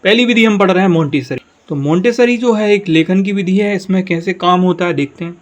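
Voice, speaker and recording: A man's voice: high voice, brisk. A man teaching an online exam-prep lesson, explaining step by step and often speaking straight to his viewers.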